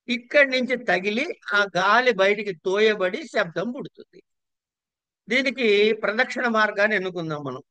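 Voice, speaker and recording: A man with a Telugu accent lectures in a high, bright voice that stays crisp and clear. The sound is close and dry. He explains step by step and keeps checking in with his audience by asking them questions. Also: dry recording. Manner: explanatory, quizzes listeners with rhetorical questions. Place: lecture hall.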